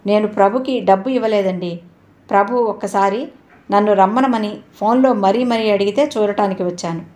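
A woman's voice: medium pitch, normal speed, darkish tone, close to an everyday voice. A woman voicing a proud young man in a storybook reading, speaking firmly and politely with clipped replies.

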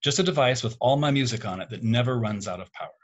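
A man's voice: mid-range voice, quick pace, natural voice. A man reading as a wry teenage daughter. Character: teenage daughter, college-bound, wry and quick.

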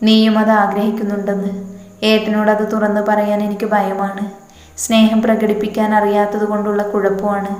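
A woman voicing a gentle, caring older sister-in-law who speaks in a soft, earnest, confiding way. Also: mid-range voice, monotone, moderate pace, close to an everyday voice. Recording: echoey room with long reverb.

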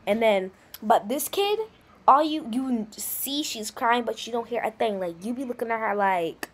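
A female vlogger talking in a chatty, slangy, animated way in a casual comedy video. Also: a little high, moderate pace, slightly rough.

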